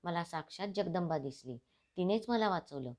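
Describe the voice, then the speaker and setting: A woman's voice: fairly low pitch, expressive, moderate pace, darkish tone, natural voice. A woman reading the part of a stern, elderly male ascetic guru in a storybook narration. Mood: humbled.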